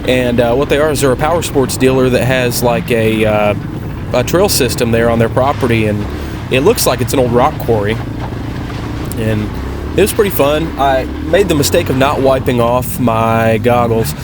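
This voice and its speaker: Man rambling casually over clear vehicle noise. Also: medium pitch, moderate pace. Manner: rambling, conversational, plain-spoken. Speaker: motovlogger and amateur dirt bike racer. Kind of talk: casual vlog voice-over commentary on race footage.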